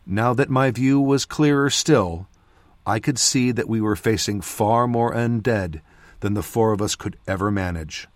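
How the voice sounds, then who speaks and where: A man narrating a fantasy novel in the first person, with measured, steady storytelling. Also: lowish voice, no room sound. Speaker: audiobook narrator.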